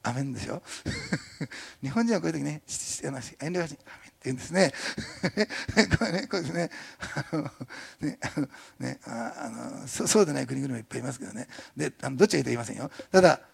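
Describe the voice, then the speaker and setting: An older man preaching a sermon as a pastor, chatty and animated, often adding tag questions and laughing. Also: mid-range voice, very fast, vocal fry, slightly rough.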